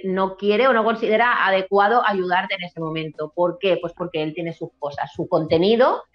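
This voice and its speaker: Brief: woman, chatty guest, laughs easily; a muffled, lo-fi recording. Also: on the low side. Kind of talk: casual chat. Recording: dull lo-fi sound.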